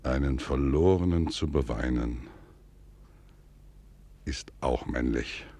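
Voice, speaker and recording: Very deep, slow, grave nobleman Oranien. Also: dark tone, full character voice. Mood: sorrowful pleading. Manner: solemn, measured, pleading, declamatory. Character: grave, cautious older nobleman urging his friend to flee. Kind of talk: 1940s German radio drama acting.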